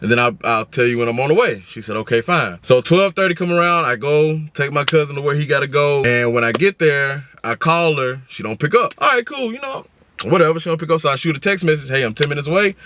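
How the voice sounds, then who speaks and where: A young American man in an animated, casual storytime rant, slangy and acting out the people he talks about. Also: on the high side, fast talker, slight background noise. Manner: animated, slangy, acts out both sides of arguments. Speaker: storytime vlogger.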